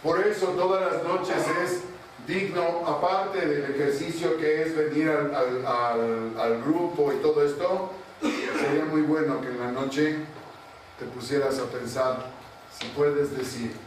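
A priest telling a parable in a colloquial sermon to a group, often asking the listeners. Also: male voice, fairly high pitch, a little slow. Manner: storytelling, colloquial, asks the audience. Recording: echoey room, far from mic, faint noise.

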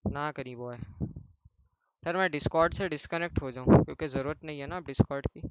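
A man's voice: fairly high pitch, moderate pace, clean tone, dry recording, low-quality recording. A man livestreaming a game, bantering loosely and playing a car dealer in roleplay. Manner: loose, joking, slangy banter. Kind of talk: casual livestream chat and roleplay.

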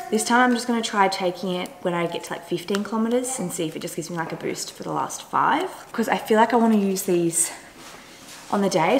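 A young woman chatting casually to a camera a little way off in her home kitchen, as a running vlogger. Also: lowish voice. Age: young adult. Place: indoors, bright home kitchen. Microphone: camera a couple of metres away. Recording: roomy echo, clear background noise.

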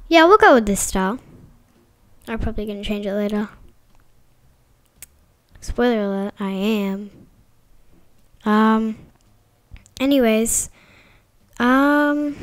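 A woman giving casual, chatty gameplay commentary as a vlogger, excitable and full of fillers. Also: sits high. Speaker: gaming vlogger.

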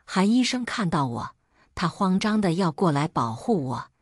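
A woman narrating a first-person audiobook story with dramatic storytelling flair. Her voice sits on the low side, and the recording is dry with no room echo. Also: sing-song, normal speed.

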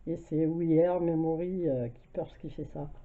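A French woman with a cold talks through her craft haul, hesitant and full of fillers. Her voice sits fairly low. The sound is tinny and thin, as if over a phone line. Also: fairly even intonation, measured pace. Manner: chatty, hesitant, many fillers. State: has a cold, coughing. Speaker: craft vlogger. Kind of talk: casual haul video. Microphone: camera mic at home.

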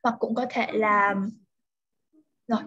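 A woman tutoring a pupil one-on-one in English vocabulary, saying each word slowly and carefully for the pupil to repeat. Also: on the high side, flat delivery, bright, forceful tone, dull audio. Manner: slow, careful word-by-word pronunciation modeling.

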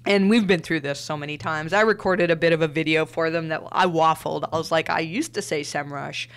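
A woman's voice: sits low, fairly even intonation, a little fast, clear, resonant tone. A woman hosting a solo podcast, talking casually with frequent fillers and restarts. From Canada. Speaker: podcast host.

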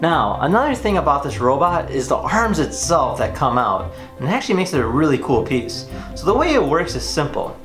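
A guy in his twenties with a fairly high, sing-song voice talks a bit quickly as he unboxes and demos a toy, casual and enthusiastic. The room echoes, and clear music plays behind him.

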